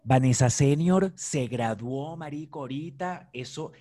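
A man's voice: mid-range voice, unhurried, mellow. A young man with a Venezuelan accent, joking around in casual chat with a co-host. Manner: joking, slangy.

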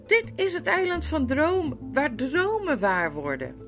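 A woman's voice: high voice, huge pitch swings, unhurried, fairly bright tone, soft background music, pitched above the performer's own voice, heavily acted. Woman doing a frantic, terrified castaway man. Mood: panicked. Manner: frantic, pleading, panicked. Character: terrified wild-haired castaway man, desperate.

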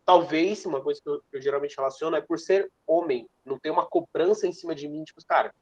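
Fast-talking young São man, dull dry mic. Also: a little high, a little mellow, dry recording. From São Paulo, Brazil. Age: 20s. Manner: long, winding questions full of asides. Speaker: podcast host. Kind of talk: casual podcast interview.

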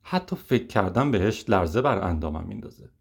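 A man narrating a first-person memoir audiobook in a measured, reflective way. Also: fairly low pitch, expressive, vocal fry, breathy edge.

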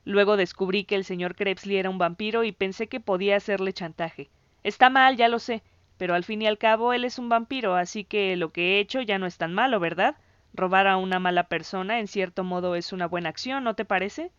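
A woman's voice: medium pitch, fairly quick, fairly bright tone, smooth, no echo, dull audio, lightly acted. A woman voicing a proud boy who boasts and defends himself. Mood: defensive. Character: proud boy, cocky but uneasy.

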